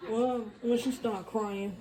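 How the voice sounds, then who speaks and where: A soft-spoken woman answering questions quietly in a casual family chat. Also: on the high side, steady tone, takes it slowly, crowd noise, low-quality recording. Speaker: host's sister. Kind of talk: casual conversation.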